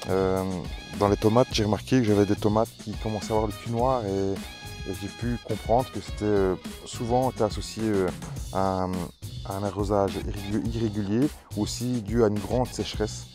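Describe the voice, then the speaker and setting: Outdoors in a hot vegetable garden, a Belgian man with a Belgian French accent casually shows off his plot and presents tomato seeds as an amateur gardener. He rambles with many hesitations and restarts, speaking in a lowish, steady voice at a moderate pace over music.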